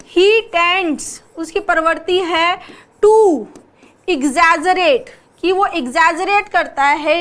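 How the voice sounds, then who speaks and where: Very high-voiced woman teaching slowly. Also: fairly bright tone. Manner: explains patiently, quizzes with rhetorical questions; spells words out letter by letter. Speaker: English teacher for exam prep. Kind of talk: online exam-prep class.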